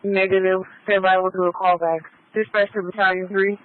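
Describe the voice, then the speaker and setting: Man, fire dispatcher, high voice, clipped radio codes, two-way radio, narrow tinny sound. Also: level tone, brisk, clean tone. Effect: two-way radio transmission.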